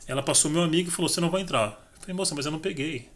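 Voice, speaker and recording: Fast-talking São man telling stories. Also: a little high. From Brazil. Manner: animated, acts out dialogue in his stories. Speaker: podcast guest. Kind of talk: casual storytelling.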